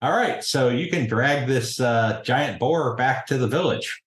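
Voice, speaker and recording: A man running a tabletop game as game master, narrating in a lively, animated way. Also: medium pitch, a little slow. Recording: roomy echo.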